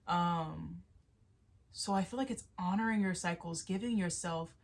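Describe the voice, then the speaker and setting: Speaking alone to camera, a young woman with a stuffy nose gives a casual but earnest tarot reading. Her fairly low voice is unhurried, and she rambles, restarting sentences and letting out little laughs.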